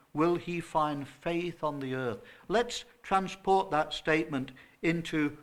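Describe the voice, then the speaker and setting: A pastor preaches to his small church in a slightly high voice. He talks earnestly and leans hard on his stressed words. His delivery swells to loud emphasis, then drops back down. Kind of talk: sermon.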